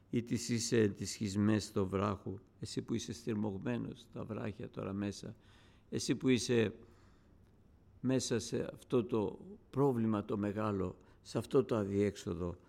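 A man preaching a sermon to his congregation, fervent and rising to loud, passionate calls. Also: on the low side, creaky. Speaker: radio broadcaster.

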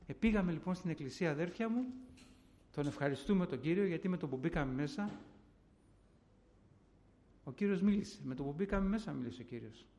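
A man's voice: fairly high pitch, lively intonation, pauses often, mellow. A man preaching a fervent testimony sermon to his congregation, often repeating his phrases and calling his listeners brothers and sisters.

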